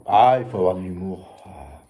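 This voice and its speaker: A man's voice: moderate pace, heavy background noise. A man telling stories about selling binoculars in a chatty, joking sales patter with lots of fillers. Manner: chatty, jokey, lively pitch with many fillers. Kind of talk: casual sales patter and storytelling.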